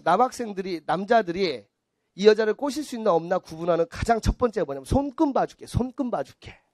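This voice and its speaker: Blunt, lively man lecturing a class. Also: high-pitched, no room sound. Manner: blunt, teasing, acts out little scenes. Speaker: math lecturer.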